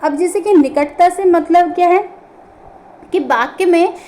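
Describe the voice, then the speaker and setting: A woman's voice: extremely high pitch, unhurried, dark tone. A woman teaching an online grammar class, explaining step by step and answering her own questions.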